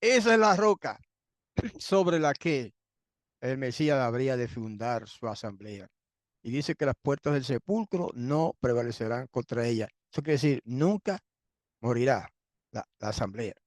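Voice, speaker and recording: A man teaching a sermon-style Bible lesson who often clears his throat, asks rhetorical questions and repeats points for emphasis. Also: medium pitch, expressive, normal speed, no echo, clean studio sound.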